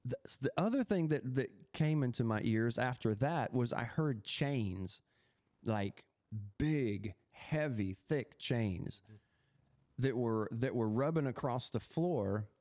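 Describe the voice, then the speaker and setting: A man hosting a podcast, telling a personal spiritual experience in an animated, halting way with many restarts. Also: mid-range voice, no echo, clean studio sound. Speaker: podcast host.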